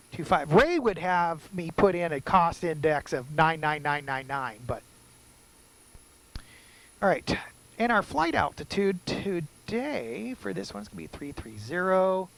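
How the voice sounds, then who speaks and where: A man's voice: on the high side, gravelly, fairly bright tone, low-quality recording. A man giving casual, self-deprecating commentary, muttering to himself as he sets up a simulated flight. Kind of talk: casual commentary while doing cockpit setup.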